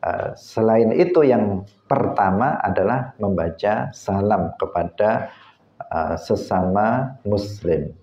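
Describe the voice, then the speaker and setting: A man gives a religious lesson in a low voice, unhurried and filling pauses with "eh". The recording is echoey and dull. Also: animated, dark tone. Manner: unhurried, many "eh" fillers, acts out greetings. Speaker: religious teacher. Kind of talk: hadith study lesson.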